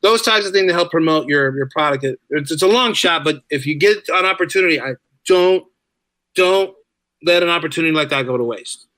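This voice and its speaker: A middle-aged man, a teacher and writer, tells stories casually as a podcast guest, chatty and informal and repeating phrases for emphasis. His voice sits on the high side, a little fast, pushed and bright, with no echo in the recording.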